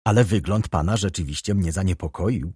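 A man reading the part of an ironic, haughty baroness in an audiobook, raised in pitch and teasing. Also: brisk, mellow, slightly rough, no room sound, clean studio sound. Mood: mocking. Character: ironic aristocratic baroness, adult woman, haughty.

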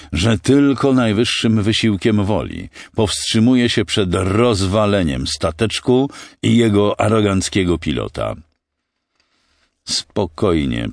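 A male narrator reading a science fiction audiobook with expressive storytelling. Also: sits low, gravelly, no echo, clean studio sound.

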